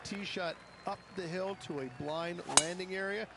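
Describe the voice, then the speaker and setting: A man's voice: sits high, steady tone, moderate pace. A man voicing a golf commentator for a game, giving descriptive analysis with emphasis on difficulty. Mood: emphatic, descriptive. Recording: clear outdoor ambient noise.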